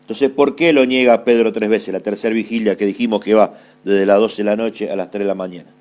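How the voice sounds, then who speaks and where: A man's voice: fairly low pitch, fairly even intonation, a little fast, darkish tone. A middle-aged Argentine man preaching a sermon with an Argentine accent, asking questions and answering them himself, repeating key phrases. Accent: Argentine Spanish. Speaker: apostle preaching.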